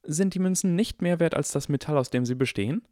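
A man voicing an eager, clever boy of about eleven in an audiobook, asking quick, earnest questions. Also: a little high, warm tone, no echo, studio quality, pitched above the performer's own voice, lightly acted. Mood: inquisitive. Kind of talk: audiobook character voice.

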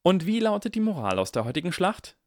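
A shrill, triumphant young girl general in a storybook reading, bossy and cheerful and proud of her win, as a male narrator puts her on. The voice sits high and bright, and the recording is dry and close. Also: very animated, fast, no echo. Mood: eager.

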